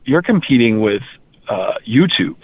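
A man from rural Maine, a heavy metal musician, talking casually in an interview, animated and quick to repeat words. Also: medium pitch, a little hiss or hum. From rural Maine, USA. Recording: tinny phone-like line.

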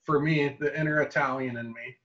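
A man's voice: mid-range voice, steady tone, brisk, sharp tone, lo-fi sound. A man hosting a podcast interview on a call, loose and joking, asking questions with restarts. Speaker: podcast host. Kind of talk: casual video-call interview.

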